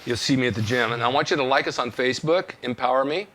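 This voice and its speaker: A man's voice: medium pitch, fast, a bit bright. An older man hosting a fitness talk show, telling folksy stories and giving motivational tips. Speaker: host. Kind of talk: casual chat.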